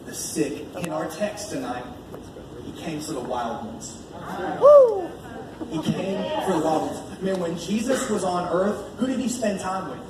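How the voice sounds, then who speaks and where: In a large, echoey indoor church space, heard through a distant mic with background noise, an American man delivers a conversational, informal sermon. His high voice is animated yet unhurried. He earnestly reads and explains scripture, returning to key phrases for emphasis.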